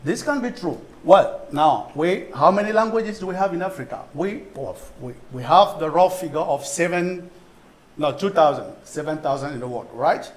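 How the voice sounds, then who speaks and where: Male conference speaker from Cameroon, middle-aged, somewhat high voice, halting, restarts his sentences. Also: animated, poor audio. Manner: halting, thinks aloud with restarts, asks for next slide. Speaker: symposium presenter. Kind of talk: academic conference talk.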